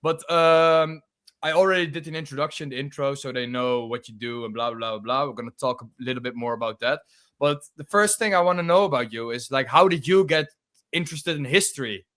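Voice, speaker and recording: A man's voice: mid-range voice, a little fast, fairly bright tone. A man with a Dutch accent hosting a podcast interview, joking and laughing, with many fillers. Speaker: podcast host. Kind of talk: casual interview chat.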